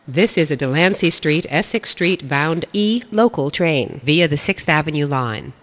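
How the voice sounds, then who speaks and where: A woman reading scripted automated subway announcements in a formal, measured way. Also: low voice, lively intonation. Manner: formal, measured delivery of stop and line information. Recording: dull, band-limited announcement audio.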